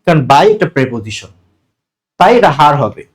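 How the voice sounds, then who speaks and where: In a classroom-style English grammar lesson, a man with a Bangladeshi Bengali accent explains things step by step, asking questions and answering them himself. His voice is a little high, swings widely in pitch, and moves at a normal speed.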